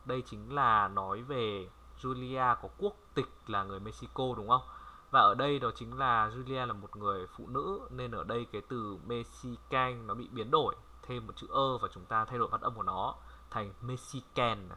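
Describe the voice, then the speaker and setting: A man from Vietnam giving a casual language lesson, chatty and repeating words slowly for viewers to copy. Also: medium pitch, bright, forceful tone. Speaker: French language tutor. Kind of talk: casual screen-recorded lesson.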